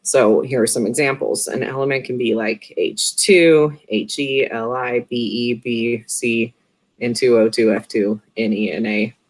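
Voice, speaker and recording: A high school chemistry teacher giving a recorded video lesson in a casual, offhand way, dropping joking asides. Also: steady tone, measured pace.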